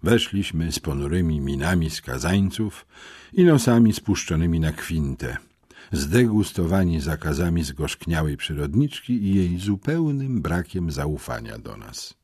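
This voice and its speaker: A man narrating a children's adventure audiobook in an expressive first-person storytelling manner. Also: deep voice, a little slow, husky, no room sound, clean studio sound. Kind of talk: scripted narration.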